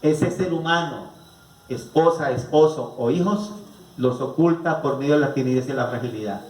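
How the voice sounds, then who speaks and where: A man's voice: mid-range voice, moderate pace, darkish tone. Colombian man lecturing in an echoey hall. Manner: rhetorical, asks the audience questions, repeats "¿no es cierto?". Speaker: psychologist giving a family conference. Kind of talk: lecture to a live audience. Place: rural venue with an audience. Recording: echoey room picked up from a distance.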